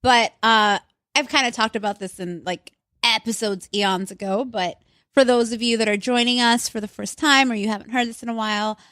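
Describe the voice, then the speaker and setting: With a fairly high, fairly bright voice and a steady tone, a Long Island, New York woman chats on a casual podcast she co-hosts, saying "like" a lot. She talks at a moderate pace. The audio is dry and studio quality.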